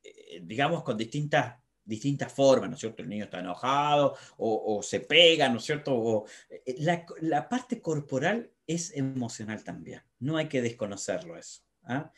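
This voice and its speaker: Animated man talking on parenting. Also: mid-range voice, normal speed. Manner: animated, with many tag questions. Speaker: psychologist. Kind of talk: conversational talk on parenting.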